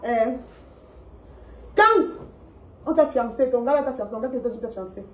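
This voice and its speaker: A woman's voice: on the high side, a little slow, lo-fi sound. A woman with a Cameroonian French accent, ranting on a live stream and mocking someone with repeated rhetorical questions. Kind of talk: scolding live-stream rant. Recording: roomy echo.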